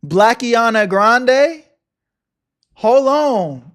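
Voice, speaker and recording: Slow slangy streamer on livestream headset audio. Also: male voice, very high-pitched, animated, a bit bright, smooth. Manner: slangy, drawn-out, talks back to the video. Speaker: livestreamer reacting to a video. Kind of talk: casual live reaction commentary.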